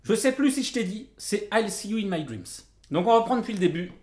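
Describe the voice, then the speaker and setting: A man's voice: high voice, expressive, a little fast, darkish tone, reverberant. A man giving a casual guitar tutorial to camera, joking and self-deprecating, his mouth numb from dental anaesthetic. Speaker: jazz guitar coach and video teacher.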